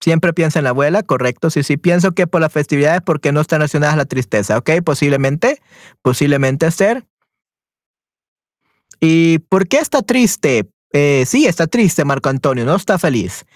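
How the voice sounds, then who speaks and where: A man teaching a language lesson, encouraging a student and slowly repeating questions with English glosses. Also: a little high, animated, dry recording, studio quality. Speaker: Spanish teacher.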